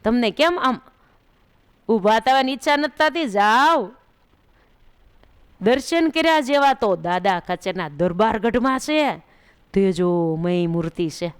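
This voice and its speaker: A woman voicing an ecstatic village man who loudly exclaims and urges others to come and see. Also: fairly high pitch, lively intonation, unhurried, long pauses, smooth. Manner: loud, exclaiming, urging others. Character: ecstatic village man seeing divine light, excited.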